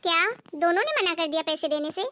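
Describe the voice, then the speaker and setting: A woman's voice: extremely high pitch, lively intonation, fairly quick, pushed and bright, slight background noise, heavily acted. A woman voicing a kind young married woman who talks with concerned insistence in a cartoon story. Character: kind caring young married sister-in-law.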